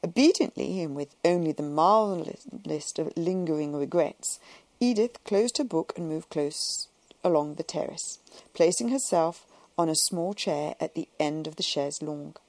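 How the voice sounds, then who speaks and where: Woman narrator, audiobook reading, deep voice, dry close mic. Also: no room sound. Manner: measured, even storytelling. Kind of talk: scripted narration.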